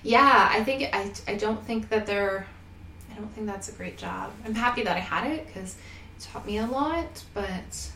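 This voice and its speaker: A woman's voice: medium pitch, normal speed, pushed and bright. Bubbly Valley Girl voice, young woman. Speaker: podcast guest. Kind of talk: casual chat. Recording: echoey room, faint background noise.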